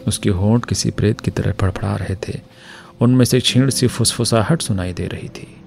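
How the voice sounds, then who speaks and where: Brief: measured male storyteller, deep and rough-edged, soft music under. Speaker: narrator. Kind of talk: storytelling narration. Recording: narration with faint music.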